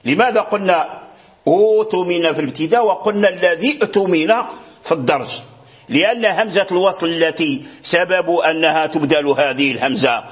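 Checking often that his student understands, a man walks through the rules for reciting the Quran. His voice sits fairly high, the recording is muffled, and he tends to repeat words and start over.

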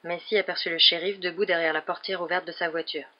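A woman reader narrating a novel in an even, measured audiobook reading. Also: lowish voice. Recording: dull lo-fi recording.

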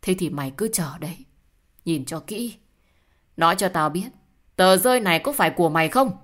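Woman voices a gruff, weary elderly father in a storybook; scolding, somewhat low. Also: animated, normal speed. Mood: angry.

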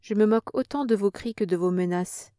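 A woman's voice: mid-range voice, fairly quick, mellow, no echo, natural voice. A woman reading an audiobook, voicing a brave young woman who speaks in a cold, curt, commanding way.

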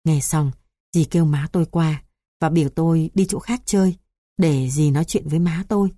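A woman with a Southern Vietnamese accent reading her memoir aloud in a calm, even storytelling manner. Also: deep voice, moderate pace, no room sound, studio quality. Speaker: memoir narrator.

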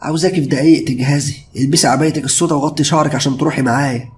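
Guy doing a bossy egyptian mom, high-pitched and loud, snapping at her kid in a horror audiobook. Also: steady tone, racing, slight background noise, lightly acted. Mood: urgent calling. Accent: Egyptian Arabic. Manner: scolding, impatient. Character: stern anxious middle-aged village mother.

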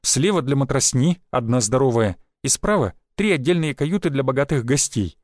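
A man reading a first-person audiobook in a lively way, putting on voices for the characters. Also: mid-range voice, moderate pace, no room sound, studio quality. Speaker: audiobook narrator.

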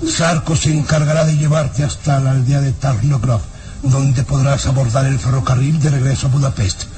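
An actor playing a sly villainous baron who feigns sympathy, in old-time radio drama style, with a smooth, drawn-out delivery. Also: male voice, medium pitch, level tone, lightly acted. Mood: scheming. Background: dramatic background music.

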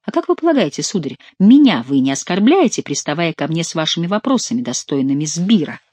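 A woman's voice: deep voice, big pitch swings, fast, darkish tone, slightly rough, no room sound, full character voice. A woman voicing a mocking, ironic young male nobleman in an audiobook, with a teasing, mock-polite manner.

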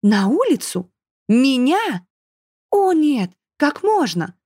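A woman's voice: sits high, sing-song, a little slow, a little mellow, dry recording, clean studio sound, voice pushed up, exaggerated voice. Woman doing a syrupy scheming stepmother. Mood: sugary. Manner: syrupy, mock-sweet, haughty. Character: sugary scheming stepmother, haughty young bride.

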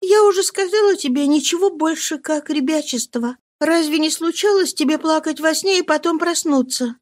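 A woman voicing a tearful, secretive young girl who answers softly and evasively in an audiobook. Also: sits high, moderate pace, voice pushed up, close to an everyday voice. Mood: plaintive. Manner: soft, evasive, pleading. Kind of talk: audiobook reading.

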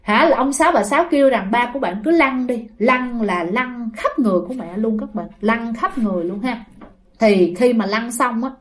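A woman's voice: fairly high pitch, moderate pace, a little hiss or hum. A woman with a Southern Vietnamese accent casually telling a ghost story, chatty and talking straight to her listeners. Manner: chatty, addresses listeners directly, many fillers.

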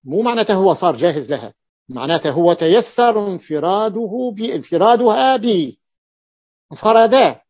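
A man's voice: high-pitched, lively intonation, a little fast, no room sound. A man teaching a grammar lesson as a sheikh, explaining step by step and repeating key phrases. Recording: dull, dry lo-fi recording.

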